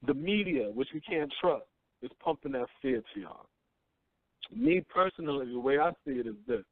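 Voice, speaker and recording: Over tinny phone-line audio, a man in his 30s hosts casual call-in radio, preaching in a blunt, profane style and repeatedly asking "you know what I'm saying." His mid-range voice is expressive and moderately paced, and the recording is dry.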